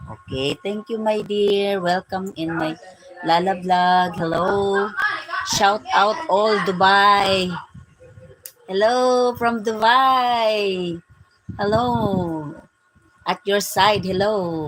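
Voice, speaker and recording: A woman's voice: mid-range voice, background noise. A Filipino woman in her forties hosting a casual live-stream vlog, greeting her viewers with a repeated "my dear, my friend". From Philippines. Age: 40s.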